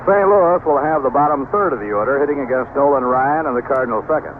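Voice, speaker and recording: A man with an American accent calls a baseball game play by play in live radio commentary. His medium-pitched voice moves quickly through narrow, tinny audio from a noisy, band-limited old radio broadcast.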